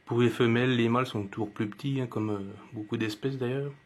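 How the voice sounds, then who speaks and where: A man with a Jura French accent casually presenting his pet snake on his channel, relaxed and hesitant with many fillers. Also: medium pitch, a little fast, slightly rough. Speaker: reptile keeper and channel host. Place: indoors beside a terrarium.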